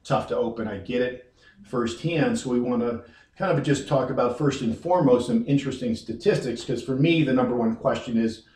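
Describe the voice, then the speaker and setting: A man's voice: mid-range voice, fairly quick, a little mellow. A middle-aged man from Western New York, president of a financial firm, talking plainly and reassuringly to clients from a conference room. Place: wood-paneled conference room. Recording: roomy echo from far off.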